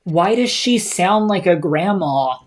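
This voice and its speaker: A man's voice: high voice, animated, slow pace. A man giving casual live gameplay commentary as a streamer, indoors over game audio. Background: game music.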